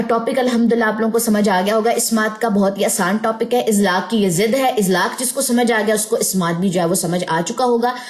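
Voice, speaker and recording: A woman teaching a Quran recitation lesson, explaining patiently and drawing out letter sounds slowly in drills. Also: on the high side. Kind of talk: slow tajweed lesson with drawn-out recitation drills.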